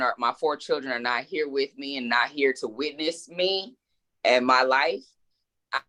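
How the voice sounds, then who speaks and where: A woman in her forties, appearing as a guest author in a casual interview, speaks in a bass voice that's a bit bright. Her delivery is reflective and emphatic, and she often repeats words as she thinks.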